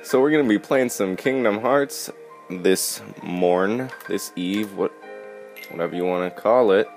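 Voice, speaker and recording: A man's voice: lowish voice, a little slow, a little mellow, faint music behind. A man commenting casually on his gameplay, cracking jokey, sarcastic asides. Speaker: let's play gamer.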